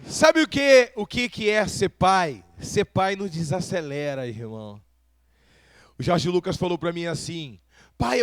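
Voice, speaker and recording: Male preacher from Brazil, high voice, dry close sound, addresses the congregation with frequent questions. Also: no echo. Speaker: pastor. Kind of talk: sermon.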